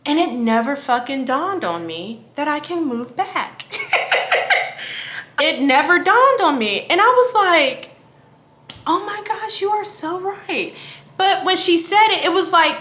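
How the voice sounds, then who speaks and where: Animated woman telling a story. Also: high voice, a little slow, echoey room. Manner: candid, animated, swears freely, laughs through her story. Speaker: vlogger. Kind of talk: casual storytelling vlog.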